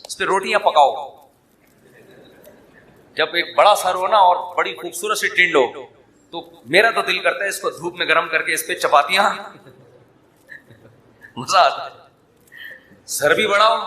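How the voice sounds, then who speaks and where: A man's voice: on the high side, pushed and bright, reverberant. A man preaching a humorous sermon, mixing jokes and banter with scripture. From Pakistan. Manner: jokey, mixes banter with scripture. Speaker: Islamic preacher.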